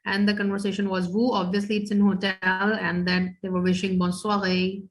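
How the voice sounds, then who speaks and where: A woman's voice: medium pitch, little pitch movement, fairly quick. Woman teaching a French class online. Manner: explains French phrases in English, asks students questions.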